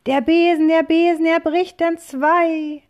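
A woman voicing a frightened, excitable female witch with shrill, loud cries while reading a rhyming picture book aloud. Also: slow.

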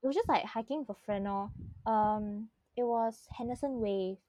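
A woman's voice: a little high, moderate pace, dark tone, no echo. A young woman with a Singaporean accent chatting casually and teasingly in colloquial Singlish, full of sentence-end particles, with a giggly manner. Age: young adult. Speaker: podcast host. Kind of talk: casual chat.

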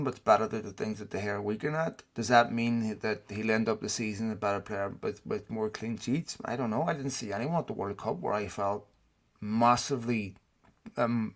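A man with a fry-laden, creaky voice speaks with braces on his teeth. He talks as a guest pundit in a casual football discussion, opinionated and repeating words for emphasis. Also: lowish voice.

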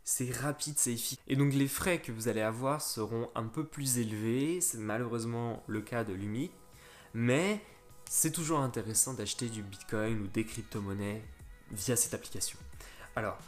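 A man's voice: mid-range voice, normal speed, soft background music. A man hosting a casual step-by-step tutorial, talking viewers through an app with frequent restarts. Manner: step-by-step, fillers and restarts, addresses viewers directly. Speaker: crypto tutorial host.

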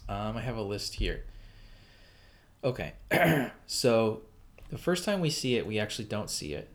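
A man's voice: fairly low pitch, very animated, unhurried. A man co-hosting a casual podcast about a film, rambling with many fillers and restarts. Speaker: podcast co-host.

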